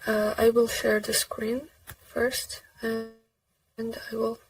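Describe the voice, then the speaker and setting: A woman giving a prepared academic presentation over a video call, with a halting, deliberate delivery. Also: a little high, monotone. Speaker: conference presenter. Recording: distant mic on video call.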